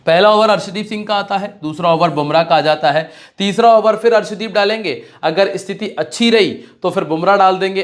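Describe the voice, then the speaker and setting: A man with a fairly high voice makes casual fantasy cricket predictions, talking directly to his viewers in a loose, chatty style. He rattles off scores and player stats one after another, mixing in his own opinions.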